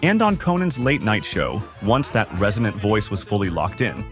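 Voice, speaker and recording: A man narrates with a lively, swooping pitch and hyped-up energy. Soft music plays under his voice, and he sounds polished and scripted. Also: normal speed. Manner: upbeat, hyped-up delivery. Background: faint background music.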